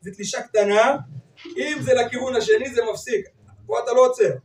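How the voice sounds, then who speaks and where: A man leading an interactive lesson on Torah cantillation, briskly urging participants to read on. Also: very high voice, fairly even intonation, a little mellow, slight background noise. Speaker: teacher of Torah reading to teachers. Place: classroom or hall with group. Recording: echoey room, far from mic.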